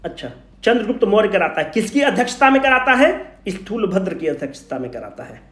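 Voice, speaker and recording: A man's voice: high voice, sing-song, fairly quick, fairly bright tone. A man with a Bihari Hindi accent lecturing informally as an exam coach, emphatically asking questions, answering them himself and repeating key points in colloquial speech. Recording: echoey room.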